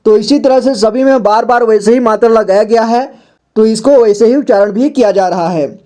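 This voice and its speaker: A woman teaching Hindi letters and vowel marks, explaining patiently, repeating herself and drawing out syllables slowly one by one. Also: a little high, mellow. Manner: patient, repeats "ठीक है" and "देखिए" often, drills syllables slowly. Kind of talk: slow classroom explanation.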